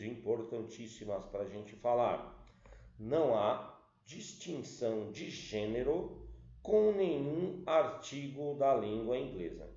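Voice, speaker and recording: Slow-talking Brazilian male English teacher. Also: medium pitch, mellow. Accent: Brazilian Portuguese. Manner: explains step by step, checks in with rhetorical questions. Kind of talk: classroom grammar lesson. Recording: roomy dull lo-fi sound.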